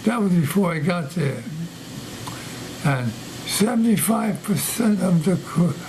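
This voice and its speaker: Background noise accompanies this veteran interviewee, a man in his nineties born in Poland, whose voice is high-pitched, expressive and unhurried. Sitting in a library interview room for an oral history, he frequently repeats words and restarts his answers.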